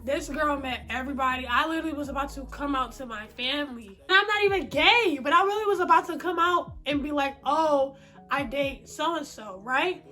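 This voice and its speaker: A young woman vlogging straight to camera, her voice high-pitched and bright. She talks bluntly and animatedly in heavy slang, swearing freely. Faint music plays behind her. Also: animated, brisk. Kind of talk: casual storytime vlog.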